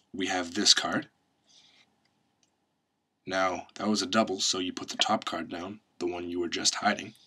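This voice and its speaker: Low bright male voice, walks you thru a card trick step by step w/ magician patter. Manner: instructive, reciting patter lines in demonstration. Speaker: magic trick tutorial presenter.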